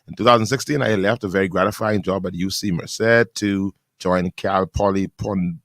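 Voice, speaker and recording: Deep-voiced pastor on radio. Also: male voice, steady tone, no echo, clean studio sound. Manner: laughing often, reading aloud in halting bursts. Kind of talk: casual talk radio chat. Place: radio studio. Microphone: studio microphone.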